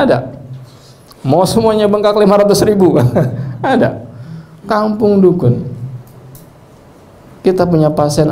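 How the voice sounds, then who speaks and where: A male preacher and healing trainer telling animated stories to a live training audience, addressing listeners directly and often breaking into devout exclamations. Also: fairly high pitch. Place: indoor training session with an audience.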